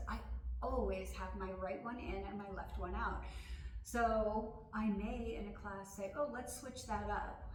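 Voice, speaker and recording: Woman teaching yoga, distant in an echoey room. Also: a little high. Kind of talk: instructional yoga talk, explaining step by step. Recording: roomy echo, distant mic, faint noise.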